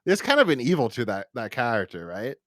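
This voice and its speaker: A podcast co-host chats casually and ramblingly about an audio drama, halting with frequent false starts, restarts and repeated words. His mid-range voice is very animated, recorded dry in studio quality.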